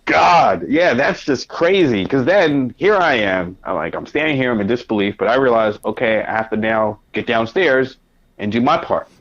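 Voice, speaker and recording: A man, a podcast guest and sports writer, telling animated anecdotes in a conversational way. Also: mid-range voice, moderate pace, muffled recording. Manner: animated anecdotes, acts out his own past reactions. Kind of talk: conversational storytelling.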